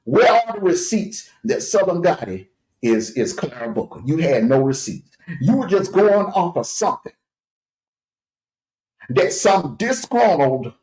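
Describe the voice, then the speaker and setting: A man's voice: a little high, sing-song, measured pace, darkish tone. Taunting man with a roomy echo. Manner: taunting, jeering, with scornful laughs. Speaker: livestream host. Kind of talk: mocking commentary rant. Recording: echoey room.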